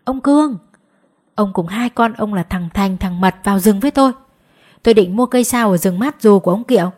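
A woman voicing a hurried middle-aged father in a spoken ghost story. Her voice is husky and urgent. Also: mid-range voice, a little mellow, close to an everyday voice.

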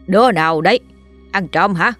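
A woman's voice: low voice, brisk, darkish tone, faint music behind. A woman voicing a frightened middle-aged village husband who stammers when scared. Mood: wary.

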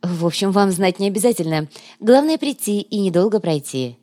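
Woman voicing a sly male schemer, purring, soft, ingratiating, audiobook. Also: mid-range voice, lively intonation, normal speed, lightly acted. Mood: coaxing.

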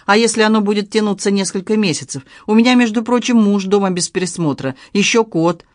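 A narrator puts on a sharp-tongued middle-aged woman with an indignant, sardonic edge. She pushes back and complains readily. The recording is dry and close. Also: mid-range voice, a little fast, dry recording, pitched above the performer's own voice, lightly acted.

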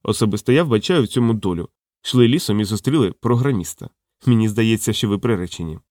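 A man voicing a quiet bearded man who speaks in a low-key, matter-of-fact way. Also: expressive, quick pace, no echo, clean studio sound, natural voice.

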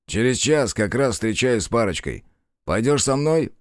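A man's voice: medium pitch, big pitch swings, moderate pace, dry recording, clean studio sound, pitched above the performer's own voice, natural voice. A man voicing a guilty, fawning young detective who pleads and wheedles with his partner. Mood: businesslike.

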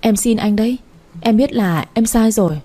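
A woman's voice: a little high, normal speed, warm tone, lightly acted. A woman reading the part of a remorseful sister-in-law who pleads tearfully in a spoken story. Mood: pleading.

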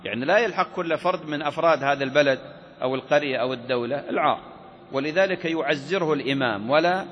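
A man's voice: fairly high pitch, fast talker, dull audio. A man teaching Islamic jurisprudence, asking his class questions and answering them himself. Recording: reverberant hall with faint ambient noise.

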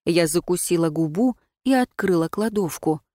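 A woman's voice: lowish voice, moderate pace, dry recording. Woman narrating fiction, dry close sound. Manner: expressive, emotional reading. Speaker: audiobook narrator. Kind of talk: scripted first-person fiction narration.

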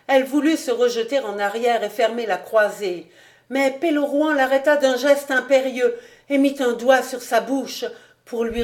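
A woman narrating a classic French novel as an audiobook reader, in a steady storytelling manner. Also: on the high side. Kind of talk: literary narration.

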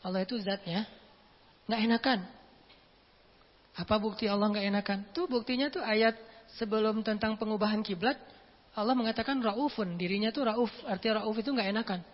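A woman's voice: medium pitch, fairly quick, long pauses. A woman preacher giving a casual, humorous religious lecture, telling stories and acting out what people say. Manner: humorous, storytelling, acts out quoted speech. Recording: echoey hall, dull lo-fi sound.

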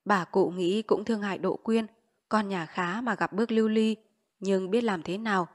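A woman's voice: mid-range voice, moderate pace. Woman reading a novel aloud. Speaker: audiobook narrator.

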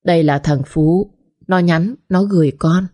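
A woman voicing an elderly mother who gently soothes and reassures her daughter. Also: fairly low pitch, unhurried. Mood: soothing.

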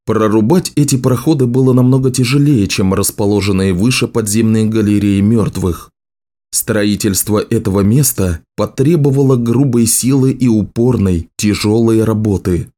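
A man's voice: fairly low pitch, normal speed, warm tone. A man steadily reading a fantasy novel aloud as the audiobook narrator.

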